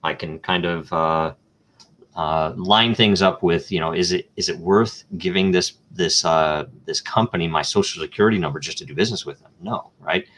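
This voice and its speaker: Speaking in a very low yet fairly bright voice, a man guest on a live online interview explains a technical idea. He works through concrete examples one step at a time, thinking aloud, often pausing with ums and uhs and restarting sentences.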